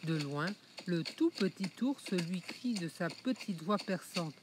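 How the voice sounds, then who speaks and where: A woman narrating a children's audiobook in a slow, clear and expressive way. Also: on the low side, a little hiss or hum. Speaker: storyteller.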